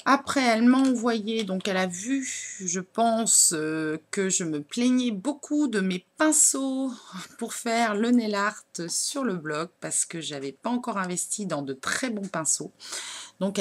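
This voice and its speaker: A woman, chatting casually as a beauty blogger while unboxing nail products, with lots of hesitant fillers. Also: fairly low pitch. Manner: chatty, many fillers, shows products to camera.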